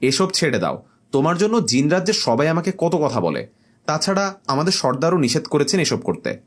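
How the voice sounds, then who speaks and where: A man's voice: a little high, very animated, fairly quick. A man doing a stern jinn father. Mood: scolding. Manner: scolding, stern. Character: stern jinn father, scolding older male.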